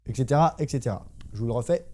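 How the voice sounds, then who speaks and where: A man's voice: medium pitch, expressive, fast talker, heavy background noise. A man teaching a casual drum lesson, enthusiastic and slangy, imitating drum fills with spoken syllables. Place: drum studio. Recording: drum music playing behind the voice.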